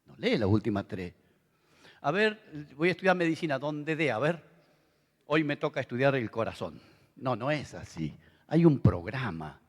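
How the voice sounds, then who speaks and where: A middle-aged Argentine pastor preaches a sermon in a large convention hall, talking conversationally and tossing asides to the audience. His voice is medium-pitched and sing-song at a moderate pace, and the big hall adds a long reverb.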